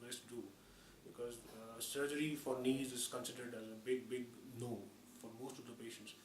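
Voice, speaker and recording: A man's voice: medium pitch, little pitch movement, normal speed. A man with an Indian accent giving a formal, explanatory medical talk as a surgeon, with hesitant phrasing. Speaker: orthopedic surgeon. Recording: echoey room, distant mic, clear noise.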